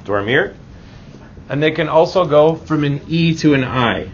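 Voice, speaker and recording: A male Spanish teacher gives a grammar lesson, his voice a little high, expressive and a little slow. His informal classroom manner is reassuring, and he often checks in with short rhetorical questions. The lo-fi audio is dull, with clear background noise.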